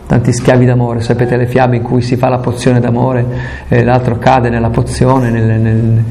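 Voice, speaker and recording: A man preaching in a relaxed, talky way, his voice low in brightness and gravelly at the edges. He asks his listeners questions and slips into quoted lines as he explains. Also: normal speed, slight background noise. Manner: conversational preaching with rhetorical questions and quoted asides. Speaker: priest. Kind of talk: sermon.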